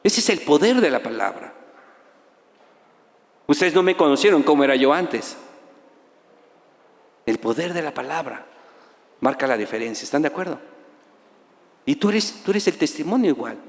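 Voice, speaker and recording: Animated Mexican pastor in a reverberant hall. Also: male voice, fairly high pitch, moderate pace, creaky, long pauses. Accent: Mexican Spanish. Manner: animated storyteller acting out dialogue, rising to shouts. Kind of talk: sermon. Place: church auditorium. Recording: long reverb of a church hall.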